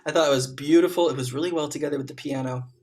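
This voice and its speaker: A man's voice: fairly high pitch, steady tone, rapid-fire. Encouraging male juror on a video call. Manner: encouraging, gentle, frequent ums. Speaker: competition juror. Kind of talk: spoken feedback to young players.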